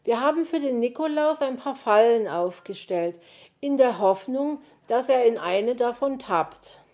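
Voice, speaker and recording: A woman voicing a brisk, bossy little bird. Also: fairly high pitch, expressive, mellow, voice pushed up. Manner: explaining, brisk.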